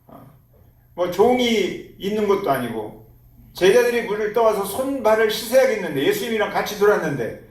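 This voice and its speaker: Lively, animated male pastor preaching. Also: high-pitched. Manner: animated storytelling, acting out quotes. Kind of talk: sermon. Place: church sanctuary. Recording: roomy church hall, mic at a distance.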